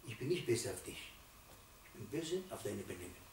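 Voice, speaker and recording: An old man in his eighties preaches as a rabbi, dropping to a murmur and then swelling loudly for emphasis. His voice is picked up from across an echoing room. A faint hum of ambience sits underneath. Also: on the low side, very animated, moderate pace. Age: 80s. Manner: emphatic, swells from quiet to loud for stress. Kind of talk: Torah sermon. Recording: roomy, distant mic, faint ambience.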